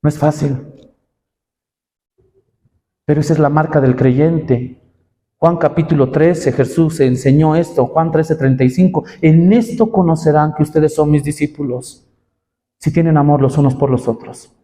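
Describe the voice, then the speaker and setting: A man's voice: fairly even intonation, a little slow, long pauses, warm tone. Impassioned male pastor in a reverberant hall. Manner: impassioned preaching, rising in pitch for emphasis. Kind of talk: sermon to young people. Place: church.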